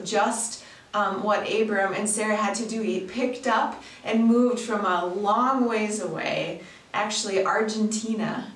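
A woman hosts a children's worship video and explains the story in an upbeat voice. She is recorded by a camera mic well away from her, so her voice sounds distant in an echoey living room. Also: medium pitch. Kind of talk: scripted introduction.

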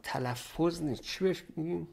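Gravelly man thinking aloud at a keyboard. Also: a little high. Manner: thinks aloud while typing, slow and halting. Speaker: screencast tutor. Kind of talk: casual screen-recorded tutorial. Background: keyboard typing and mouse clicks.

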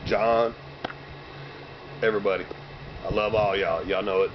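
Outdoors by bare trees and fields on a cold, sunny day, a hoarse vlogger in his thirties rambles through loose, slang-heavy shout-outs, drinking between lines. His voice is fairly low, steady and unhurried. A camera mic a few meters away gives dull lo-fi audio with outdoor noise.

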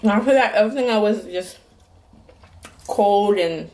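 A woman's voice: mid-range voice, unhurried, a little mellow. A woman vlogger telling a rambling story while eating crab, repeating words for emphasis. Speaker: mukbang vlogger.

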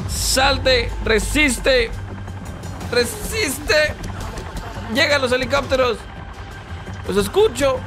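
A man commenting casually on his gameplay, excitable and cursing at the game, often shouting. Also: extremely high pitch. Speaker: gaming channel host. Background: game music and gunfire.

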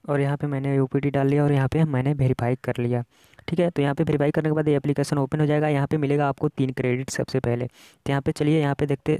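A man's voice: mid-range voice, mellow, smooth, no room sound. A man with an Indian accent hosting a casual app tutorial, explaining things step by step in a repetitive way. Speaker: tech tutorial host.

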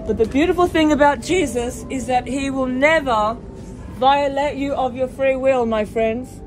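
A woman's voice: a little slow, over music, poor audio. A woman preaching fervently to passengers inside a moving train, with repeated hallelujahs and direct appeals, recorded on a phone. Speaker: street preacher. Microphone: phone camera held by the preacher. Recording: phone audio with loud train noise. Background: train rumble.

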